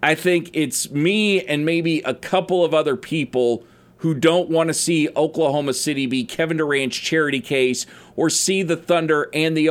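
A man talks through his solo sports podcast in a loose, rambling way, now and then tripping over a word and starting again. His voice sits a little on the high side for a man. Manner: casual, rambling, admits stumbling over words. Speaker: podcast host.

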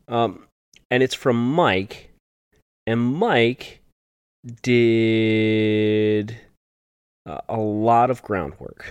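A man with a lowish voice hosts a sports podcast. He works through listener questions with conversational analysis, in a dry recording free of room sound. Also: dry recording. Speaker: podcast host.

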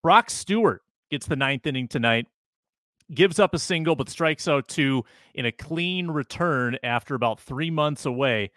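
A man's voice: on the high side, expressive, normal speed, a bit bright, no room sound. A man hosting a sports podcast in a conversational way, in short casual phrases. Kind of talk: casual sports talk and conversational host-read ads.

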